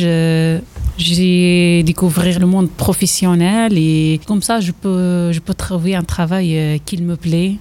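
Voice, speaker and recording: Algerian woman speaking broken French, mellow low voice. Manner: broken, non-native French with grammar slips. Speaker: trainee interviewee. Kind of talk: personal testimony in interview.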